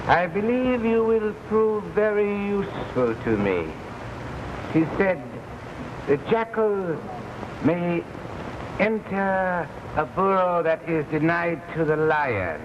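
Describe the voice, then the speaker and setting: Villain boss: high voice, unhurried formal delivery, scheming; muffled 1950s TV broadcast sound. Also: male voice, very animated, exaggerated voice. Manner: formal, slow and deliberate. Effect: noisy, dull 1950s TV broadcast recording. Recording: hissy, muffled old TV soundtrack.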